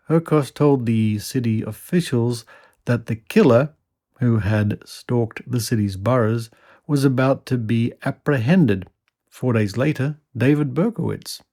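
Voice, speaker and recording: A man with a gravelly, creaky voice reads an old article aloud as a podcast host. He is mid-pitched and drops in wry comments between passages. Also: dark tone. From Australia. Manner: wry asides while reading. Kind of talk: reading an old news article aloud with asides.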